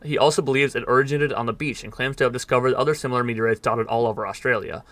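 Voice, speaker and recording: A man's voice: medium pitch, fairly even intonation, racing, a bit bright, no room sound. A man reading in-game text aloud at speed, stumbling over words now and then and dropping dry asides. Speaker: gaming let's player.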